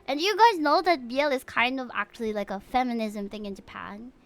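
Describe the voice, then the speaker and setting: A young Filipina livestreamer plays a video game while chatting casually and candidly with her viewers. Her slightly high, somewhat bright voice moves fairly quickly, with faint music in the background.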